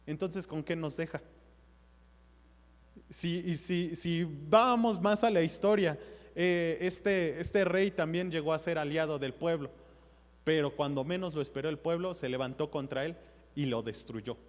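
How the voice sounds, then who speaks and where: A man preaches a sermon, his voice sitting a little high for a man. He talks earnestly and directly to his listeners as brothers. The sound carries a long reverb from the church hall. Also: unhurried.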